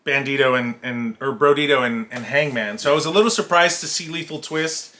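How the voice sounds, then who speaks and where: A man's voice: mid-range voice, a little fast, a bit bright. A man co-hosting a wrestling podcast, talking through a match in an easygoing, hesitant way with plenty of uhs. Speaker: podcast co-host. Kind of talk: casual wrestling recap chat.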